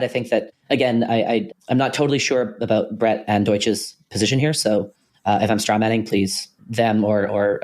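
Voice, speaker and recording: A man co-hosting a podcast, talking through ideas in a thoughtful, hesitant way with many pauses and restarts. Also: lowish voice. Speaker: podcast co-host. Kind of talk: casual philosophical conversation.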